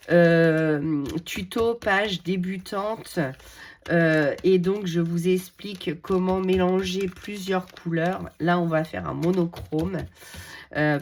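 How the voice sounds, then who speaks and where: A middle-aged woman walks viewers through a craft project in a low, gravelly voice. She chats at an easy, unhurried pace and mutters to herself as she works. The fillers come often, and faint noise sits behind her. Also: a little mellow. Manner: chatty, talks to herself while working, many fillers. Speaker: craft video host. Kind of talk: casual crafting tutorial.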